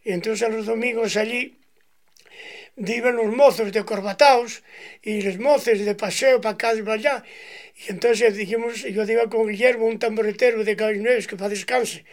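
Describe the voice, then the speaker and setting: A man's voice: high-pitched, steady tone, moderate pace. A man in his nineties with an Asturian accent, a bagpiper telling long, meandering stories from his life to an interviewer. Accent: Asturian Spanish. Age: 90s. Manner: meandering, folksy, acts out voices in his stories. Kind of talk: rambling oral-history storytelling.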